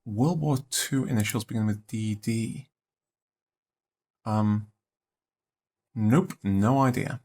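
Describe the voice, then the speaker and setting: A young man thinking aloud in a let's play, musing and unhurried, trailing off into half-spoken guesses. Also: on the low side, warm tone. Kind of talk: thinking-aloud puzzle commentary.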